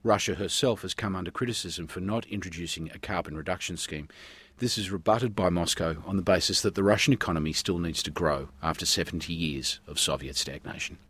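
A man's voice: sits low, brisk, a bit bright, breathy edge, no room sound. A man hosting a science radio show, reading a script in a wry, tongue-in-cheek way. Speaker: radio science show host and news reader.

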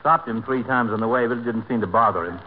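An actor playing a reassuring, wry, matter-of-fact family doctor in a 1940s radio comedy. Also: male voice, medium pitch, quick pace, narrow, tinny audio, lightly acted. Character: dry, reassuring middle-aged family doctor. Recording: noisy, band-limited old radio broadcast.

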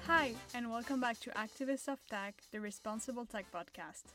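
A woman hosting a podcast, reading a scripted introduction with measured, clear delivery. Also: on the high side, bright, forceful tone, faint music behind. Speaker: podcast host.

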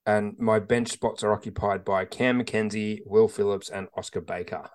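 Aussie bloke, lowish voice, calm, explains his picks step by step. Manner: measured, lists names plainly, explains his reasoning at length. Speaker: podcast co-host. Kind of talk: casual sports podcast chat.

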